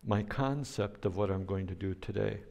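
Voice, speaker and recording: An older man preaching a sermon as a pastor, speaking in a slow, deliberate way, with playful sound effects now and then. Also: fairly low pitch, vocal fry, a little mellow.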